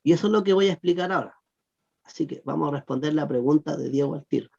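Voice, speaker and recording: A man teaching Greek grammar in an online class, explaining rules in an animated way and checking that students follow. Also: on the high side, fast, creaky. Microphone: video call. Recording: dull lo-fi video call audio.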